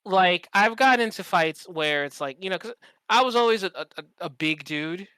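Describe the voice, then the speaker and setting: Here a podcast host chats casually, telling animated stories with emphasis and swearing and repeating lines for effect. He sounds high-pitched, expressive, bright and forceful, speaking at a normal pace. The recording is smooth and dry.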